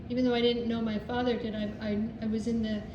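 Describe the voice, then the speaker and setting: A woman's voice: fairly high pitch, level tone, fast, lo-fi sound. Older female group member sharing informally, meandering and earnest, in a noisy room with echo. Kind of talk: informal personal testimony. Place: echoey room, speaking to a group. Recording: echoey room with clear background noise.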